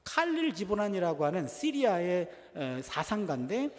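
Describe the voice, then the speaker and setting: A middle-aged man preaching a sermon, telling family stories in an animated way and acting out the dialogue. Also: high-pitched, normal speed. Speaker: pastor. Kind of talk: sermon with storytelling. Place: church sanctuary. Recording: church hall reverb.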